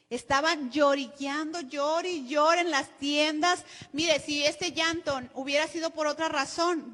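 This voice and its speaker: Mexican woman pastor, high pitch, preaching sermon in a reverberant church hall. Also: fairly bright tone. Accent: Mexican Spanish. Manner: preaching, addresses congregation as "hermano" often.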